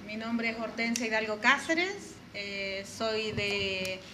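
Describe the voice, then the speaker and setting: A woman from northern Chile speaks, giving an earnest, measured presentation. Her voice sits high and bright, and she pauses often. Faint background noise runs under her speech. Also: fairly even intonation. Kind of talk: formal presentation to an audience.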